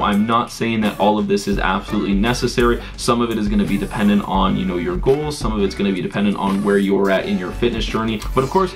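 A young man who coaches fitness, chatting to camera in a room at home as he shows items from his gym bag, upbeat and using his hands as he talks. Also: fairly low pitch. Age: young adult. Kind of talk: casual gear walkthrough to camera. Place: bedroom with couch, indoors.

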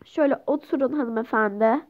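A woman playing a calm, polite male doctor. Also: a little high, a little fast, narrow, tinny audio, pitched below the performer's own voice, lightly acted. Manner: matter-of-fact, polite.

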